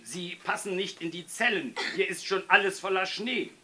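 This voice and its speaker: A man's voice: high-pitched, moderate pace, sharp tone, a little hiss or hum, voice pushed up. A man voicing a nervous male prison director who stammers and hesitates. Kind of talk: storybook reading.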